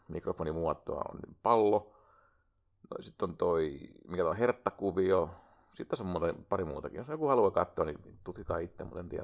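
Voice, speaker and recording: A man talks alone into a USB microphone for his own podcast, rambling and swearing casually as he addresses listeners. His voice has a gravelly, fry-laden edge. His pitch swings around animatedly as he talks. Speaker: podcast host. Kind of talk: casual solo podcast monologue. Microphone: USB microphone into a laptop.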